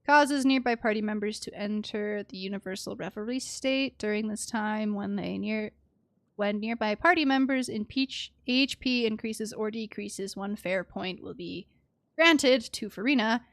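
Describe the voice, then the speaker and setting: Playing a game live, a woman streamer chats casually and thinks aloud, muttering to herself as she reads. Her voice is medium-pitched and unhurried, with music in the background.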